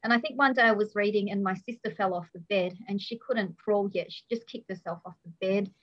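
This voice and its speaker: A woman's voice: medium pitch, fairly quick. A middle-aged woman, an author, telling candid stories about her childhood, laughing often and acting out voices in her anecdotes. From Australia. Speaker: author guest. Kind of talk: candid conversational storytelling. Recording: dull lo-fi audio.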